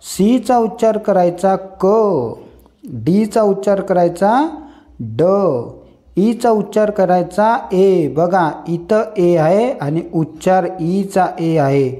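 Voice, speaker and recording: A man's voice: sits high, takes it slowly, warm tone. A man teaching English phonics to beginners, asking questions and then answering them himself. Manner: repetitive call-and-response teaching, asks and answers own questions. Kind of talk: slow phonics lesson for beginners.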